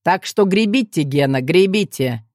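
A woman voicing a blunt, cheerful young male athlete who teases in a deadpan, rough way. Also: fairly low pitch, moderate pace, dry recording, studio quality, close to an everyday voice. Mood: teasing.

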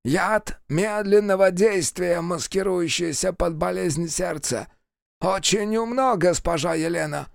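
A man voicing a hoarse, sly ambassador. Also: high-pitched, a little slow, no echo, studio quality, pitched above the performer's own voice. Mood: insinuating. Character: cunning male foreign ambassador, pinned and choking.

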